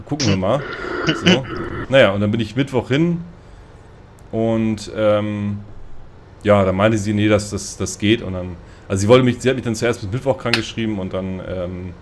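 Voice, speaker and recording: A man's voice: fairly low pitch, normal speed, slight background noise. A man casually telling a rambling, self-mocking story in a group voice chat, often laughing at himself. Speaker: gamer on a multiplayer voice chat.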